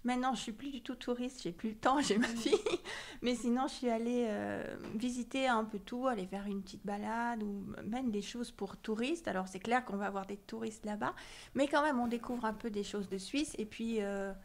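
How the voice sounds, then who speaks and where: Lively woman with a slightly high voice. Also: normal speed. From France. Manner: lively, hesitant with fillers. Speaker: association president. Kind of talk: casual interview chat.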